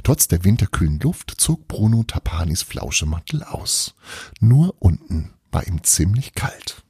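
A man narrating a children's storybook in an expressive, lively way, hosting an advent podcast. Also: low-pitched, a little slow, husky, dry recording, clean studio sound.

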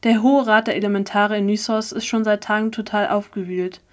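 Woman reading calm young guy explaining stuff, matter-of-fact, audiobook. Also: mid-range voice, brisk, close to an everyday voice.

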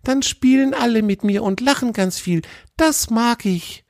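A sweet little fox girl speaks in a very high, childlike voice, as a man reading the story puts her on. She sounds dreamy and gentle, a storybook creature. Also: a little slow, no room sound, clean studio sound.

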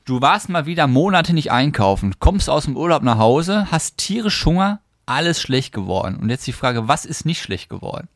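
A man's voice: a little high, very animated, normal speed, hardly any pauses, dry recording, studio quality. A man co-hosting a podcast, chatting casually and teasing his partner with playful questions. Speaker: podcast co-host. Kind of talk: casual chat.

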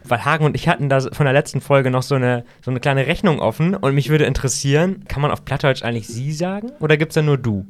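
A man's voice: mid-range voice, quick pace, few pauses. A man co-hosting a podcast who asks questions in a curious, light way and laughs easily. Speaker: podcast co-host. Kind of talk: casual podcast chat.

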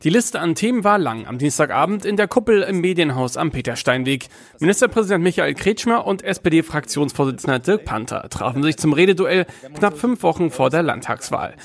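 Creaky, higher-pitched male news voice-over. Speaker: news reporter.

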